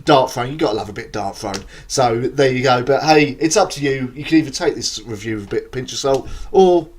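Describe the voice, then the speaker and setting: A man's voice: mid-range voice, fairly quick, a little mellow, husky. A man with an Essex accent giving a casual, rambling, self-deprecating album review straight to camera. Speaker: music reviewer.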